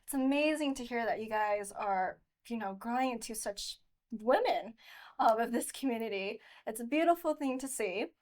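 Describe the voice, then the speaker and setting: A woman's voice: a little high, animated, normal speed. A woman hosting an interview in an encouraging, effusive manner, full of support for her guests. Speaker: host and pageant coach.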